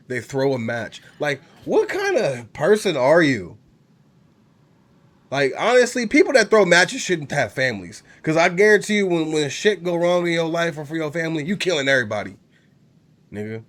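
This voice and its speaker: A man's voice: a little high, fairly bright tone. Congested young man ranting casually. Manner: profane, rambling, heated. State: congested from a cold. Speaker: gaming channel host. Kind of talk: casual rant to camera.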